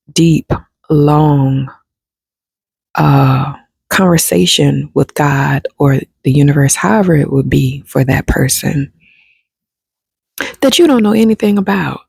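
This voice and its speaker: A woman's voice: deep voice, gravelly, darkish tone, slightly rough, no room sound. A woman giving a reflective spiritual talk, musing unhurriedly and turning emphatic and jokey with casual slang. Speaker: spiritual advice speaker.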